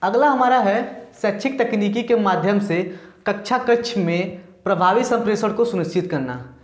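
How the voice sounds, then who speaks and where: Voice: mid-range voice, expressive, normal speed. A teacher giving a step-by-step lecture, often repeating points and checking in with "ठीक" before moving on. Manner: mixes in English terms alongside Hindi ones. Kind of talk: recorded classroom-style lecture. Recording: echoey room.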